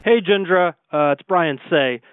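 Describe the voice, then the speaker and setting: A man, a podcast co-host, leaving a casual, halting phone voicemail. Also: high-pitched, background noise. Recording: tinny phone-line voicemail.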